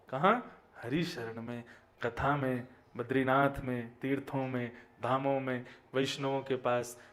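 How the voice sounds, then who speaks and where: A young man preaching a sermon, his lines swelling with emphasis and then dropping soft at the ends. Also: fairly high pitch. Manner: chants verses slowly in song.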